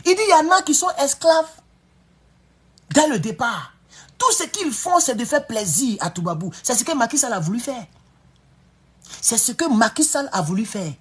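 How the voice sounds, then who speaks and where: A man giving excitable, emphatic political commentary on a live stream. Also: very high-pitched, normal speed, long pauses, breathy edge.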